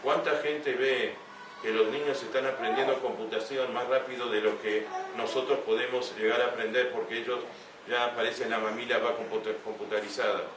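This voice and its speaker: A man's voice: medium pitch, steady tone, fairly quick, background noise. Older man giving an earnest talk in an echoey room. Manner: earnest, asks rhetorical questions. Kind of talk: talk to a young audience. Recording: echoey room heard from a distance.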